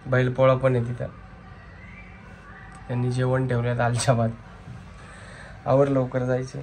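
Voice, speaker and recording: A man's voice: mid-range voice, completely flat delivery, a little mellow, a little hiss or hum. A young man, vlogging at home on a phone and urging his wife to hurry and come out. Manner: coaxing, insistent and hurried with his wife. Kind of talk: casual family vlog.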